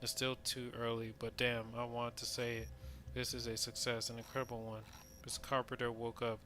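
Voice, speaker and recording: Guy voicing a tired blunt lab doctor doing a game audio log, flat delivery, crisp bright tone, faint music. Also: mid-range voice, lightly acted. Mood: guarded hope, then clinical concern. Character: weary, frank medical researcher recording a progress log. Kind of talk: dramatic scripted log monologue.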